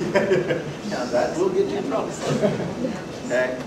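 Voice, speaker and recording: This man's voice is on the high side and his pace slow as he delivers a loud, folksy workshop talk to a live audience in a meeting hall. He has a Pacific Northwest accent, tells stories and asks the room questions, while the membership workshop recording is distant, echoey and noisy.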